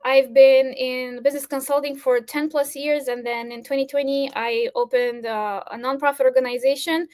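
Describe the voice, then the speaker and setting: High-voiced woman giving an online talk. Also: fairly even intonation, moderate pace, hardly any pauses, darkish tone. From Romania. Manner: earnest, with fillers and restarts, briefly flustered by tech trouble. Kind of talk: presentation talk.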